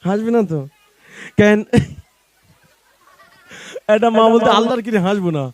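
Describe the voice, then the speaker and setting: A man, a devotional street singer, switching between drawn-out sung songs and affectionate, teasing banter. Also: high voice, dry recording.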